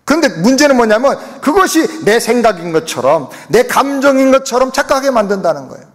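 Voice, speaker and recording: High, lively-voiced male pastor preaching. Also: fairly quick. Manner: emphatic preaching to the congregation. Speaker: senior pastor. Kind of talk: sermon. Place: church sanctuary. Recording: long reverb of a church hall.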